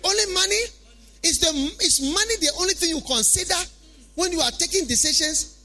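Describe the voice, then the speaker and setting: A man's voice: very high voice, lively intonation, a little fast, sharp tone. A man with a Ghanaian accent preaching a sermon in an emphatic, repetitive way, full of rhetorical questions.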